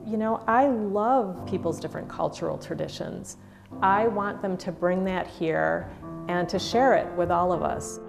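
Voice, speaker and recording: In a documentary interview, a woman speaks in a measured, thoughtful way, with the odd filler word. Her voice is on the low side and gravelly, heard over music.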